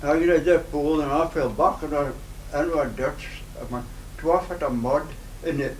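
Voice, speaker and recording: A man in his nineties with a broad Scottish accent, reminiscing informally in a halting, rambling way in dialect. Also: on the high side. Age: 90s. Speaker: interviewee, retired farm worker. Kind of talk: informal oral-history reminiscence. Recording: roomy, noisy, distant microphone.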